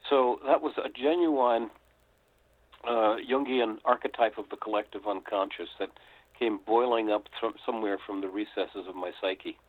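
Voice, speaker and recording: An older man from the United States, a guest author telling a story reflectively with frequent pauses, heard over a tinny phone line. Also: lowish voice, dry recording. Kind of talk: storytelling interview.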